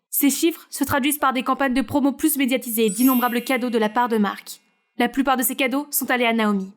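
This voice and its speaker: A woman narrating a story in a smooth, even storytelling manner. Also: high voice.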